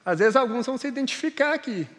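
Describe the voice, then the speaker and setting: High-voiced pastor in a reverberant church. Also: male voice, expressive, quick pace, a bit bright. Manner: conversational, self-mocking, acts out dialogue. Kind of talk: sermon with personal storytelling. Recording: church hall with long reverb.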